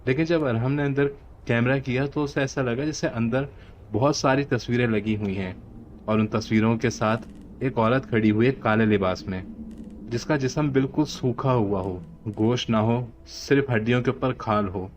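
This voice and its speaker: A man with a Pakistani Urdu accent narrating a horror story in a steady storytelling voice. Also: mid-range voice, normal speed. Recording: dull lo-fi audio with faint hiss.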